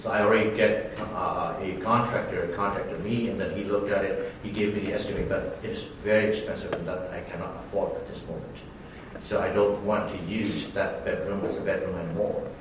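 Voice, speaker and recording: A man's voice: deep voice, steady tone, a little fast, background noise. A man from Burma, giving hesitant, formal testimony as an applicant at a township hearing, with many fillers and phrasing. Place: township meeting room. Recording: very echoey room, mic far off.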